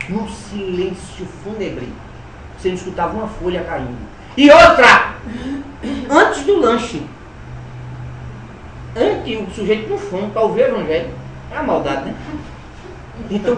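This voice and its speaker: Animated male lecturer. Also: high voice, slight background noise. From Alagoas, Brazil. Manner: animated, humorous storyteller with dramatic swings in loudness. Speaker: spiritist lecturer. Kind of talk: spiritist lecture with personal anecdotes. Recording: roomy hall, voice from a distance, faint ambience.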